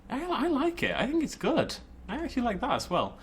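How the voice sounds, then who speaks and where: A man's voice: very high voice, huge pitch swings, a little fast, slight background noise. A man giving casual, informal game commentary, thinking aloud and playfully talking to the game. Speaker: gaming video host.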